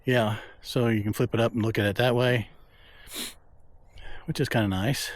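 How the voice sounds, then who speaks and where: A man's voice: mid-range voice, fairly even intonation, normal speed. A man narrating a hiking vlog in an easygoing, rambling way, slightly congested and out of breath, recorded outdoors on an action camera. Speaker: vlogger. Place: outdoors on a mountain trail.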